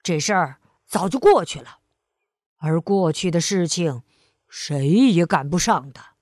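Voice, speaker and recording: A woman voicing a gloomy, self-important male crow who calls himself a sage, speaking slowly and solemnly. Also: fairly low pitch, expressive, a little mellow, no room sound, clean studio sound, pitched below the performer's own voice. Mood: pompous. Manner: solemn, slow and mournful.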